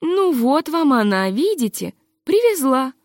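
A woman voicing an eager female friend from society who reassures and persuades in an animated, lively way, read as an audiobook. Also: high-pitched, measured pace, dry recording, studio quality. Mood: pleased.

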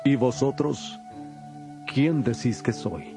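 A man's voice: mid-range voice, slow. A man playing Jesus as an authoritative, emphatic teacher in a solemn dramatized audio Bible. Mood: calm, instructing. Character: Jesus, authoritative adult male teacher rebuking and instructing. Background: prominent music.

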